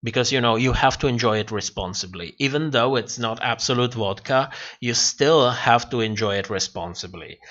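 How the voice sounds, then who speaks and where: Hosting a laid-back livestream, this man answers viewers' comments in a rambling way, circling back over phrases while he thinks out loud. His mid-range voice is pushed and bright, though the audio is dull.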